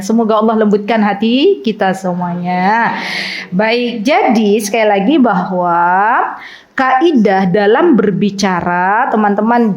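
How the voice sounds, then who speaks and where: Lively woman preaching. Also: fairly high pitch. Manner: lively, chatty, laughs with audience, acts out soft and firm voices. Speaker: preacher teaching a women's study circle. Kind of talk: casual Islamic lecture to women.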